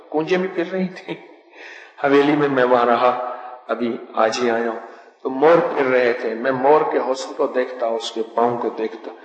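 Joking preacher man in an echoing hall. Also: medium pitch. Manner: lively, joking with listeners, recites verse. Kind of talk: sermon to a seated audience. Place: large hall with a pulpit. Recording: echoey hall reverb.

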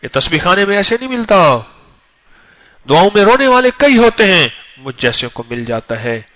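A man preaching an emotional storytelling sermon, repeating phrases for emphasis and swinging between loud and hushed delivery. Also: high-pitched, sing-song. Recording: dull lo-fi recording.

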